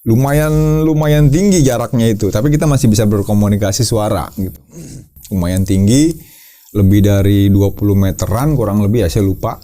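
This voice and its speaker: Telling an interviewer his tale in a relaxed, lively manner, this man who heads a caving team repeats himself and mimics shouting. He speaks briskly in a lowish voice.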